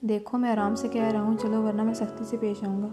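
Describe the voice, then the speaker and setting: A proud young husband speaks in a firm, serious voice, read by a woman narrator in a storybook. Music plays softly beneath the lines. He speaks at a middling pitch. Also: level tone, lightly acted. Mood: stern. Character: young husband, proud, stern turning tender.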